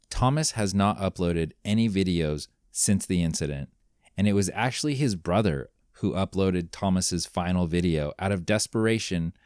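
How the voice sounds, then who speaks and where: A man reading a scripted mystery story in a measured, grave manner. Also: deep voice, darkish tone, clear, resonant tone, no echo, studio quality. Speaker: narrator.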